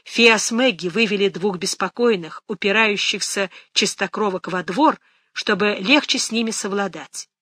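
A narrator reading a novel aloud in a measured, dramatic audiobook style, recorded close to the mic. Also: mid-range voice, bright, forceful tone, no room sound.

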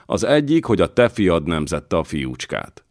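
A man's voice: low voice, big pitch swings, a little mellow, no room sound, clean studio sound. A man voicing a sly, scheming aging voivode with an insinuating manner in an audiobook.

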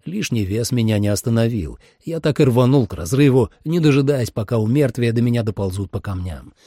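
Male audiobook narrator, lively first-person action read, dark husky voice, dry close sound. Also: mid-range voice, fairly quick, dry recording. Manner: expressive, dramatic.

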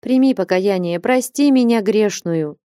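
A woman reading aloud and voicing a timid elderly nun who pleads in a hushed, meek voice. Dry, close sound. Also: medium pitch, unhurried, no room sound, lightly acted. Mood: pleading.

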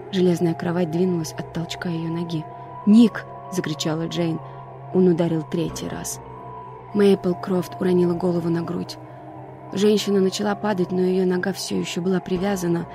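Flat, dark-voiced audiobook narrator. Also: medium pitch. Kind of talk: scripted narration.

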